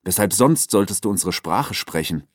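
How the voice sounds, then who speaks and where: A man reading aloud and voicing a wounded male wolf, leader of his pack, who talks calmly and reassuringly. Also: deep voice, moderate pace, no room sound. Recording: dry close recording.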